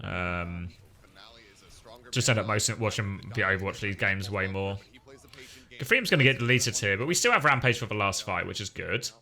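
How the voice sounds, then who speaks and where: A man live-streaming casual reactions to an esports match and chatting with viewers, wry, sweary and excitable. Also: lowish voice, moderate pace.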